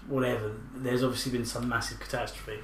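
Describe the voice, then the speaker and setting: Rambling podcast host. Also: male voice, mid-range voice, flat delivery, fast talker. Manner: chatty, rambling, swears freely. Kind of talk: casual chat about films. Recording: roomy echo, faint background hiss.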